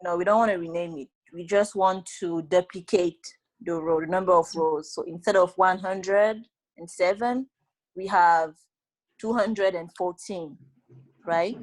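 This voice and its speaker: Taking her classmates through a database exercise one step at a time, this student tutor checks on them frequently and doesn't soften her corrections. She speaks low and steady at a measured pace, though the audio quality is poor.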